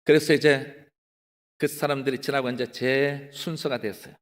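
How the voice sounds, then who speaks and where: A man's voice: mid-range voice, moderate pace. A male pastor with a Gyeongsang accent, preaching a testimony sermon and calling out to the congregation. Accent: Gyeongsang Korean. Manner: animated, often addresses the congregation, acts out his own excited pleading. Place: prayer retreat hall. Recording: long hall reverb.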